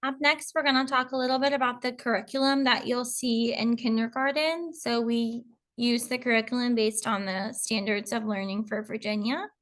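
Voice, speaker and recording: A kindergarten teacher presents a school info video, introducing colleagues and explaining the curriculum to parents. Her voice is a little high and fairly bright, with a steady tone at a moderate pace. She reads through lists, filling gaps with frequent ums.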